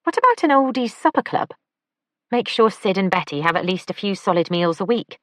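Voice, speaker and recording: A woman's voice: mid-range voice, sing-song, brisk, a bit bright, no room sound, voice pushed up. A woman voicing a careful young female pastry chef with dry humour in an audiobook.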